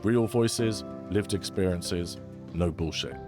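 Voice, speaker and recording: A man's voice: low-pitched, takes it slowly, over music. A man hosting a podcast, delivering scripted introductions and interview questions. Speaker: podcast host, documentary producer.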